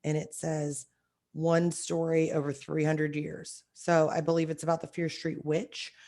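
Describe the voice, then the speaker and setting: Hoarse, raspy-voiced woman podcast host. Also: deep voice, a little slow. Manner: animated storytelling, enthusiastic. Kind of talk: casual chat.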